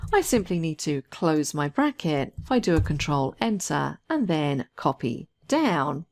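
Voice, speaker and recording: Female tutorial narrator, lower pitch, animated intonation, step-by-step explanation. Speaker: software trainer. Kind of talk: screen-recorded tutorial narration.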